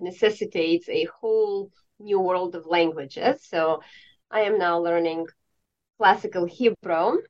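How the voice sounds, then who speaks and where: A woman from Estonia, a professor of art history, speaking thoughtfully in an interview with frequent pauses. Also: on the low side. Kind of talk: conversational interview. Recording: dull lo-fi sound.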